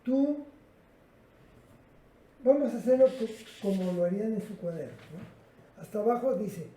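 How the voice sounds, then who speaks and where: A woman's voice: medium pitch, expressive, a little slow, warm tone, slight background noise. Patient teacher woman in an echoey room. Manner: patient, explanatory, addresses students directly. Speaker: English teacher. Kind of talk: classroom lesson at a whiteboard.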